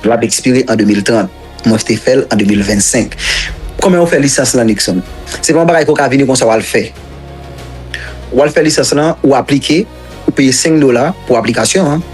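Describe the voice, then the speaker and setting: A man's voice: medium pitch, fairly quick, darkish tone, faint music behind. A man from Haiti with a Haitian accent, recounting his own story as an interview guest in a rambling, repetitive way and mixing languages.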